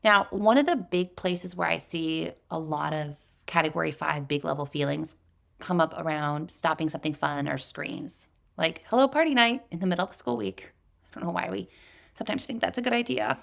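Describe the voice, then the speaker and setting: A woman hosting a parenting podcast, giving steady, step-by-step scripted talk. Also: low-pitched, moderate pace, creaky. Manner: steady, instructive, lists steps.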